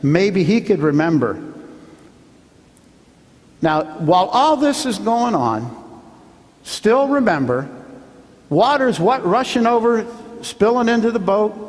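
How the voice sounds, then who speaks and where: A man, a pastor, preaching a sermon as he tells a story, now and then acting out the shouts of the people in it. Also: high voice, big pitch swings, unhurried, big-room sound. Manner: storytelling, acts out the fishermen's shouts. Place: church sanctuary.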